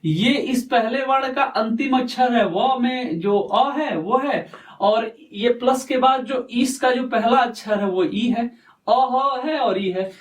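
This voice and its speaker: Male tutor, very high voice, slow and repetitive, recorded distant from the mic in an echoey room. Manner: slow, repetitive, quizzing himself aloud. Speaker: teacher. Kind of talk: explaining a lesson at a board.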